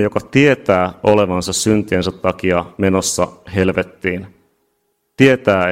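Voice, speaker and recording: A man preaching a sermon, emphatic and building to shouts at key points. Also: sits low. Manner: emphatic, rising to shouts at climaxes.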